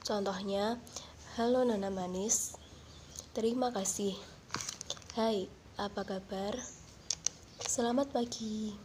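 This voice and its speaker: A young woman student reading out a class presentation in a steady, measured way, with an occasional filler. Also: fairly high pitch. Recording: faint background noise.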